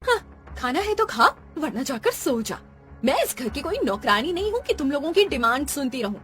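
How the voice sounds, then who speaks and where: A woman voicing an overworked young daughter-in-law in an animated cartoon, complaining and snapping indignantly. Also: high voice, normal speed, soft background music.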